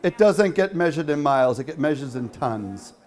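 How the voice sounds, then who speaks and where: Guy rambling through a quilt show talk, lots of uh's, fairly high voice, chatty with the crowd. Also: expressive, moderate pace, darkish tone. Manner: chatty, rambling, many fillers. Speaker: featured speaker at a quilt show. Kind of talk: talk with audience Q&A. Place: hall.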